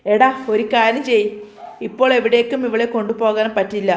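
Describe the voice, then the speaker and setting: A woman voicing a cruel, quick-tempered male kidnapper who scolds harshly. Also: on the high side, steady tone, roomy sound, lightly acted.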